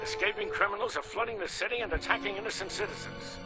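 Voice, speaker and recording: An actor playing an earnest, anxious older police commissioner in a dramatic game cutscene. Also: male voice, high-pitched, fast talker, lightly acted. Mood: urgent. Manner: urgent, earnest reporting. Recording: music behind the voice.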